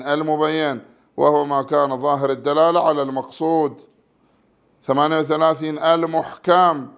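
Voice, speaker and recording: Gravelly male teacher explaining a textbook. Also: mid-range voice. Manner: measured, reads numbered terms then explains them. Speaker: religious studies teacher.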